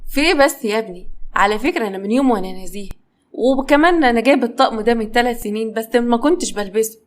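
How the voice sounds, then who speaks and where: A tight-fisted, lazy husband who talks in a sly, mocking way, voiced by a woman with an Egyptian accent. The lines come fast and sit a little high. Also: natural voice. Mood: smug. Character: stingy lazy young husband, smug and teasing.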